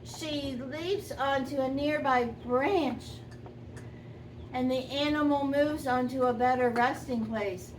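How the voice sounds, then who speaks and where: A woman voicing a sweet, gentle old granny who tells a children's story expressively, lingering on and repeating words. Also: sits high, slow. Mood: gentle, unhurried. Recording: distant microphone, faint background noise.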